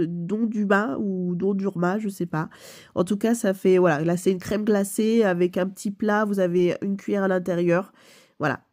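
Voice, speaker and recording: A woman with a mid-range, warm voice hosts a video game channel. Stuffy-nosed from a cold, she explains a game casually, full of fillers and self-corrections.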